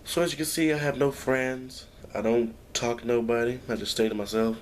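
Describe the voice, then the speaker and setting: A young man records a rambling, downbeat personal vlog to his camera at home, full of restarts and sighs. His mid-range voice stays fairly even in intonation and runs a little fast. The recording carries a little hiss or hum.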